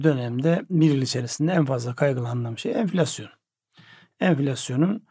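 A man's voice: mid-range voice, dark tone, husky, no room sound, clean studio sound. A man in an economic discussion who probes and pushes back with pointed questions. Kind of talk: analytical discussion.

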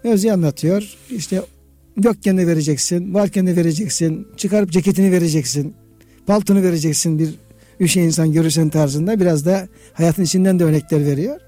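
A man's voice: fairly high pitch, fairly quick, warm tone, no echo, faint music behind. A man in a conversational religious discussion, explaining and repeating phrases for emphasis, in the manner of a host.

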